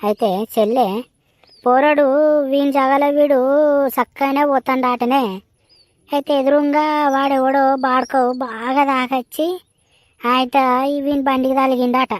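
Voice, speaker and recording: A woman's voice: high-pitched, little pitch movement, measured pace, pauses often. A woman with a Telangana Telugu accent voicing an older village woman who bluntly scolds and consoles a crying neighbour. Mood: scolding.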